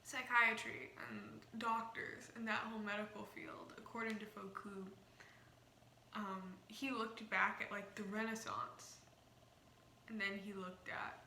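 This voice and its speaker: A woman's voice: medium pitch, vocal fry, bright, forceful tone. A young woman with a slight lisp, as if wearing a retainer, explaining ideas casually and informally to a camera. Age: young adult. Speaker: vlogger. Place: small indoor room. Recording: roomy echo, faint background noise.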